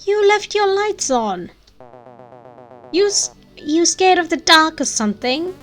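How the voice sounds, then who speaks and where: A woman voicing a small, cheeky young moth creature in a squeaky, pixie-like, impish voice for a narrated story. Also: big pitch swings, takes it slowly, a bit bright, soft background music, full character voice.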